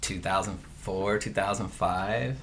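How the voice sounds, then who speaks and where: Laid-back SoCal skater guest, deep monotone, rambling casual talk. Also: male voice, unhurried, a little hiss or hum. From Southern California. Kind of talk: casual chat.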